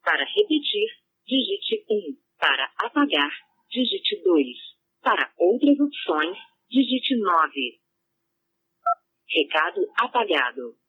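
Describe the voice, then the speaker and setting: A woman voicing an automated voicemail system, with a flat, mechanical delivery. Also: medium pitch, slow, pauses often, slightly rough, heavily acted. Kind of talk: automated phone menu. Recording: tinny phone line.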